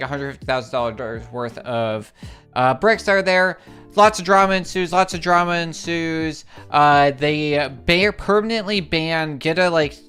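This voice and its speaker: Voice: mid-range voice, smooth. A livestream host chatting casually and rambling through a long story, with many filler words and repeated exclamations of how crazy it is. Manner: excitable, repeats "it's crazy".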